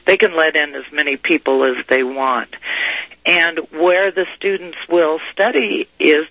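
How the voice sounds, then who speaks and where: A woman's voice: deep voice, unhurried, vocal fry, fairly bright tone, no echo, low-quality recording. A woman giving conversational political commentary as a guest, explaining hesitantly and checking in as she goes. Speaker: talk show guest commentator.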